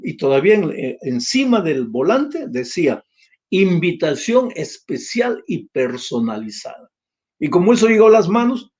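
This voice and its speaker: A man's voice: a little high, darkish tone. An older man with a Peruvian Spanish accent, preaching a sermon and telling an emotional story, often rising to emphatic cries. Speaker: pastor.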